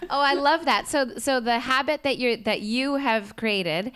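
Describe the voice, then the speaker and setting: A woman's voice: on the high side, measured pace, smooth. A woman moderating a live summit session, thanking audience members and affirming their points. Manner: warm, encouraging, affirming. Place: conference hall.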